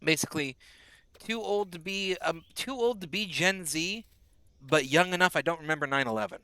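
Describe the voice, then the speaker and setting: While playing a game on stream, a man in his twenties chats casually, rambles, and replies to his viewers' messages, even though he's a bit sick and on bed rest. He speaks at normal speed in a fairly high, sharp voice, and the recording is dry.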